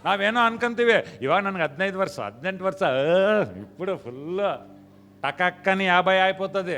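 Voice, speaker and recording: A male pastor preaching a sermon in a church, mixing in English phrases, swinging from quiet acted dialogue to shouted peaks. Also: sits high, animated, moderate pace, faint music behind. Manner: mixes English phrases into Kannada.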